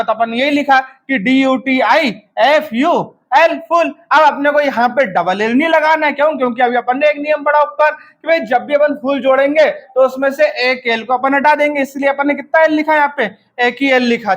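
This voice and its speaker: A man's voice: very high-pitched, fairly even intonation, moderate pace, few pauses, a bit bright. A man teaching an exam-prep lesson while he has a cold. He drills by asking and answering his own questions and spells words out letter by letter.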